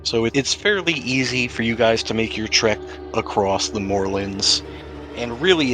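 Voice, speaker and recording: Running a tabletop role-playing game as game master, this man improvises scene descriptions conversationally. His mid-range voice comes across pushed and bright, and music plays in the background of the recording.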